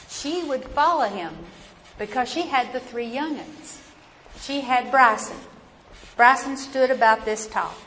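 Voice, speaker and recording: A woman with an Appalachian accent telling a family story aloud in a folksy, dramatic, deliberate way. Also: fairly high pitch, fairly bright tone. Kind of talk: oral family storytelling, live performance. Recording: echoey hall with noticeable background noise.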